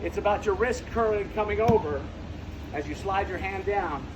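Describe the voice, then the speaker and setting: In a very noisy recording, a man with a high-sitting voice demonstrates firefighting techniques at a moderate pace. He's an instructor working unscripted and hands-on, and he keeps repeating and restarting his phrases as he explains.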